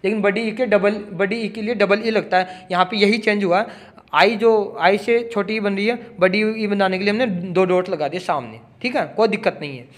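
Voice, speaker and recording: Male teacher with a high voice, walks through pronunciation step by step and repeats every example word out loud. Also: moderate pace. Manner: repetitive, drills each sound aloud, stresses words for emphasis. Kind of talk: classroom explanation.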